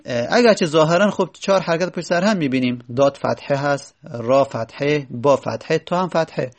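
Male teacher, somewhat high voice, patient and repetitive, stretches out the sounds of words as he lectures. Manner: patient, repeats and slowly drags out word forms. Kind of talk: grammar lesson.

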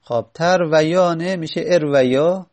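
A man teaching a grammar lesson, slowly repeating and sounding out word forms and correcting himself as he goes. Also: fairly high pitch, a little mellow.

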